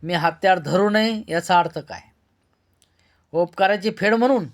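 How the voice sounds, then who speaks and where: A man reading a novel aloud, voicing a stern young male police officer who speaks earnestly and questions sharply. He uses his own fairly high voice. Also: a little slow.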